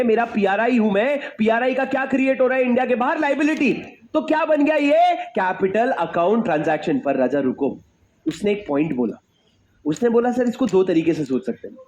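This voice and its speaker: Man, high voice, classroom lecture, emphatic, repeats questions, calls on students. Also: lively intonation, moderate pace, a little mellow. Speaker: teacher.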